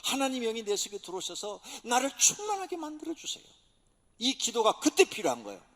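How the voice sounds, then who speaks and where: Pastor guy preaching hard, voice swoops all over, shouts then whispers. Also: extremely high pitch, sing-song, fast talker. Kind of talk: sermon. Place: church sanctuary. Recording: church hall reverb.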